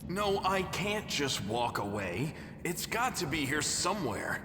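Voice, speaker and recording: Casting: worried male game hunter, highish lively voice, earnest, in noisy reverberant space. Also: measured pace, full character voice. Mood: anxious. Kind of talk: video game dialogue.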